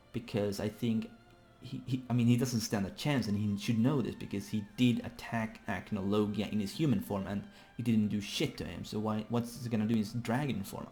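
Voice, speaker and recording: A man's voice: on the low side, darkish tone. A man casually reacting live to a manga chapter, rambling as he thinks aloud and swearing freely.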